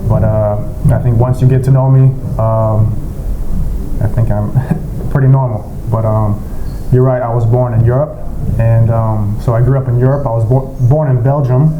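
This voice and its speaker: A young American man answering interview questions in a laid-back, soft-spoken, unhurried way. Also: medium pitch, fairly even intonation, roomy sound, phone-quality sound, background noise. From United States. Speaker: basketball player, interviewee.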